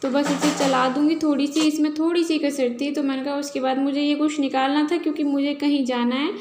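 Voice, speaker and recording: Chatty woman, high voice, casual home vlog, echoey kitchen. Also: flat delivery, fairly quick, a little mellow. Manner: chatty, rambling, talks while cooking. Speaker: vlogger.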